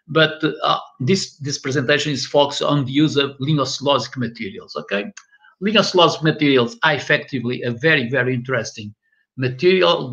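Speaking English with a Portuguese accent, this older professor from northern Portugal lectures online, stumbling and repeating words often. He has a bright, forceful mid-range voice, heard through a webcam as lo-fi video call audio.

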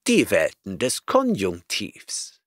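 A man's voice: lowish voice, wildly swooping pitch, takes it slowly, no room sound, studio quality, exaggerated voice. A man reading an audiobook voices an arrogant, eccentric male professor who lectures impatiently and snorts at his listener.

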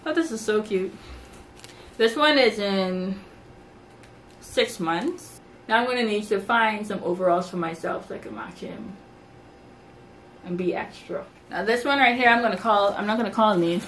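Talking at a medium pitch over a slight hiss or hum, a young Bahamian vlogger shows her baby shower gifts to camera from her bedroom. It's a casual haul vlog, and she stays chatty and animated, using her hands as she talks.

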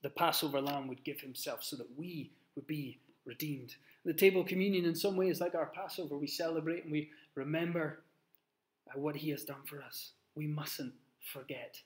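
A man in his thirties preaches a sermon in a small plain room and speaks into a webcam on his desk. His slightly high voice is earnest and emphatic, and he pauses and restarts as he goes. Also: fairly even intonation.

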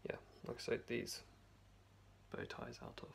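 A man's voice: measured pace, a little hiss or hum. Young man rambling in a basement. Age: young adult. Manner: rambling, hesitant, many restarts. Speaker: vlogger. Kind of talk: casual video diary. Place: home basement, indoors. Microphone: phone camera held close.

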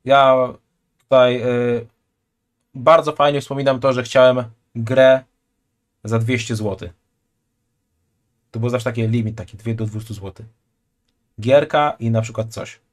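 A man in his twenties with a voice of middling pitch chats loosely on a live stream, tossing out slangy jokes while he reacts to a video. He talks into a headset in a small room at home. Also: steady tone, unhurried, pauses often. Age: 20s. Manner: joking, chatty, loose slangy asides. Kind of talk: casual live-stream commentary.

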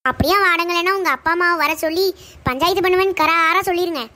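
A woman's voice: extremely high pitch, fast talker, pushed and bright. A woman voicing a meddling, gossipy cartoon neighbour who slyly stirs up trouble in Tirunelveli Tamil. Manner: sly, stirring trouble, coaxing. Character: meddling gossipy neighbour mother-in-law Parvathi.

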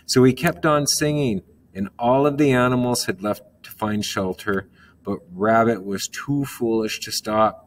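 A man reading a children's story aloud in a calm manner, gently explaining words along the way. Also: medium pitch, unhurried, slight background noise.

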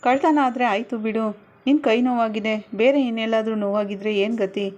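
A caring young husband pleads gently with his upset wife, as a woman narrator reads him out. The voice sits fairly high and soothing, and the recording sounds dull and lo-fi. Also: steady tone, brisk, natural voice. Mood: consoling. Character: anxious young husband, tender and consoling.

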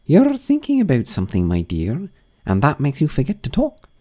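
A man putting on the Duchess, a shrill old gossip. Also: wildly swooping pitch, warm tone. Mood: gushing, moralizing. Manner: high, sing-song and drawn-out. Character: ugly old noblewoman, chummy and moralizing.

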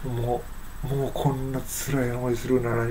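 A man explaining the words of an English song in an unhurried, halting way, with many fillers and slow, careful reading of the English lines. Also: mid-range voice, little pitch movement, warm tone, a little hiss or hum. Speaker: English teacher.

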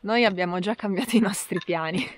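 A woman's voice: mid-range voice, brisk, no room sound. A woman, chatting casually as a hiking vlogger outdoors. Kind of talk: casual vlog chat. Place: outdoors on mountain roads and trails. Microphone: action camera at arm's length.

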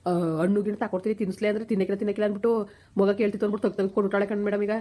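A woman playing a poor, worried village father who pleads rapidly with the doctor and snaps at his wife in an amateur skit. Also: medium pitch, level tone, dark tone, lightly acted.

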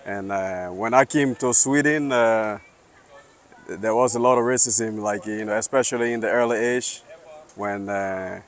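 A man in his thirties from Liberia, answering street interview questions outdoors in an earnest, halting way with many fillers. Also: fairly low pitch. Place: sunny city square outdoors.

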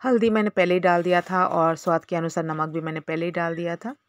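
A woman's voice: on the low side, steady tone, fast talker. A woman narrating a casual cooking tutorial for her channel, explaining each step in a chatty way with small fillers. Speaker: cooking vlogger.

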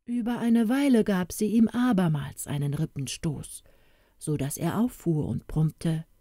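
A woman narrating a fairy-tale audiobook in a calm, expressive storytelling manner. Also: fairly low pitch, measured pace, no room sound, clean studio sound.

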